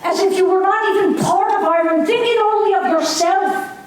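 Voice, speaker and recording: Her voice very high-pitched and a little fast, an older community theater actor plays a spirited young Irish nationalist in an amateur stage reading. She comes across as fervent, earnest and needling. The hall echoes, the microphone sits far away, and a faint hiss runs underneath.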